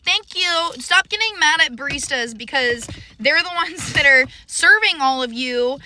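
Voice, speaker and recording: A woman's voice: high-pitched, lively intonation, unhurried, sharp tone, slight background noise. A woman barista defiantly ranting direct to camera at her viewers. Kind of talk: casual direct-to-camera rant.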